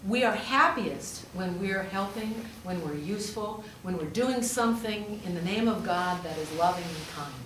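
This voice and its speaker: With a lowish voice and a moderate pace, a woman preaches almost without pauses. As a pastor and hospital chaplain, she tells a storytelling sermon conversationally, using rhetorical questions and emphatic repetition. The audio is roomy and picked up from afar, with faint noise.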